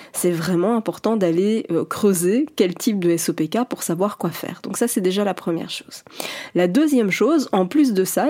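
Her voice is fairly low and mellow. This fertility coach in her forties delivers a solo podcast monologue, speaking straight to listeners with earnest reassurance.

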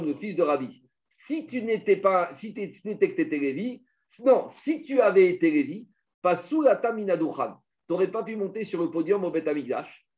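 A man teaching a Talmud study class, explaining with lively energy and weaving in quoted Hebrew and Aramaic phrases. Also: high voice. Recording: muffled lo-fi recording.

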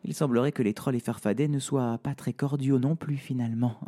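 A man's voice: mid-range voice, steady tone, brisk, dark tone, lightly acted. A man voicing a polite, timid young servant girl in a storybook tale, speaking deferentially and hesitantly.

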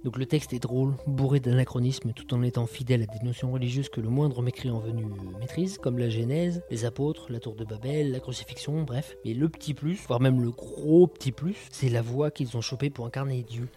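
A man hosting a podcast, reviewing audio shows with a mellow, relaxed voice. He talks casually and sardonically, full of quips. Faint music plays behind him. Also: mid-range voice, a little fast, hardly any pauses. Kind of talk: casual chat.

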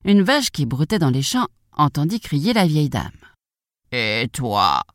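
A woman reading a children's story aloud with a lower-pitched voice that swings lively up and down. The sound is dry and close, like a studio audiobook. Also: normal speed, no echo. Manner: expressive, animated storytelling. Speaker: storybook reader.

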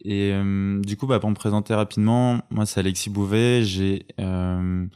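A man's voice: lowish voice, fairly even intonation, normal speed, mellow, clean tone. A man in his twenties telling his story as a podcast guest, casual and chatty with many fillers. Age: 20s. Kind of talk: casual interview.

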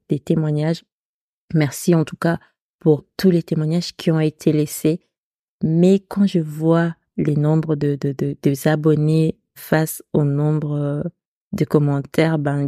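A woman's voice: deep voice, warm tone, no room sound, studio quality. A woman hosting her own podcast with a non-standard French accent, chatting casually and hesitantly, with many restarts. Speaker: podcast host. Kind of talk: casual solo podcast talk.

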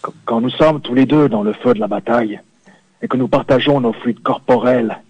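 A man's voice: mid-range voice, moderate pace, a little mellow. A man on a phone line into a radio studio, playing a boastful, suggestive macho biker sidekick from a video game in a comic sketch. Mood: swaggering. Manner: swaggering, suggestive, self-satisfied. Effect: over a phone line into a radio studio. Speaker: caller doing a comedy bit. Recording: dull lo-fi dry phone line.

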